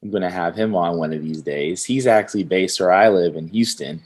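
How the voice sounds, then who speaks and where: Deep-voiced upbeat podcast host. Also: male voice, fairly quick, a little mellow. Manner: upbeat hype-man talk with slang. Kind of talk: casual interview. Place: Houston.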